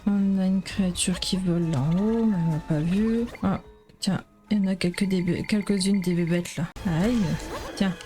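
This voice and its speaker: A woman's voice: mid-range voice, fairly even intonation, normal speed, dark tone, faint music behind. Chatty French woman playing a game. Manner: chatty, exclaiming at the game, fillers. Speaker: let's play host. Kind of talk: casual gameplay commentary.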